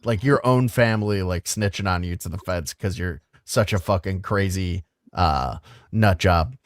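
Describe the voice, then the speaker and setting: A man hosting a podcast in casual chat, talking in animated swings between loud and quiet and cursing freely. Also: low voice, normal speed, no echo, clean studio sound. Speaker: podcast host.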